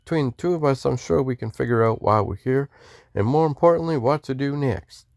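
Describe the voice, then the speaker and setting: A man voicing a cheery, sweet young woman from Texas in a high falsetto with a put-on Western drawl, reading game lines. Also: a little fast, gravelly, darkish tone, no echo, clean studio sound, close to an everyday voice. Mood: earnest. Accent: Texan Western drawl, put on. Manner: high falsetto, folksy and chirpy.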